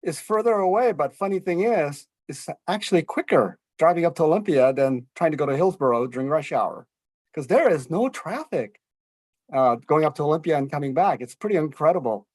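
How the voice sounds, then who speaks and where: A man's voice: on the high side, expressive, a little fast, darkish tone, dry recording. A man introducing himself in an upbeat, conversational way on a video call for a community advisory group.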